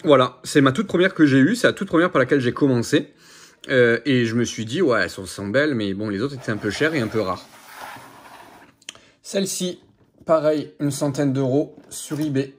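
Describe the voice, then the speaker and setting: A man's voice: medium pitch, moderate pace, a little hiss or hum. Rambling chatty man. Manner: chatty, rambling, many fillers and repeats. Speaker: collector showing his figures. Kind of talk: casual unboxing chat to camera.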